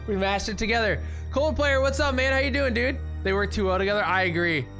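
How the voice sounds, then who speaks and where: A man's voice: sits high, quick pace, creaky, fairly bright tone. A man livestreaming casually, muttering as he works and talking to his viewers. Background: faint music.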